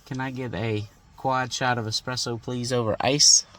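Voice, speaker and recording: A man's voice: mid-range voice, fairly even intonation, normal speed, a bit bright. A man vlogging while he drives, rambling through stories in a chatty, easygoing way. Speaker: used car dealer and channel host. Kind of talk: casual vlog while driving. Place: inside a moving car. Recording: road and car noise behind.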